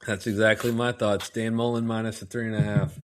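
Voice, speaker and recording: A man co-hosting a podcast in casual sports-betting chat, cracking quick jokes and laughing often. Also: on the low side, level tone. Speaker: podcast co-host.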